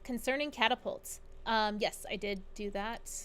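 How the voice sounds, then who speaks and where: A woman's voice: on the high side, normal speed, fairly bright tone, clean tone. A woman streaming a game live, chatting bubbly and giggly, reading out viewer comments and humming along. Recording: game music playing behind.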